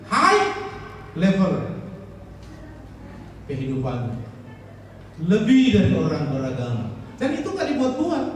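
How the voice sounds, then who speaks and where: Animated preaching man in an echoey hall. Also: a little hiss or hum. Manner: animated preaching with dramatic pitch swings. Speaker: pastor. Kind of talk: sermon. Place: church hall. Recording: echoey hall, distant mic.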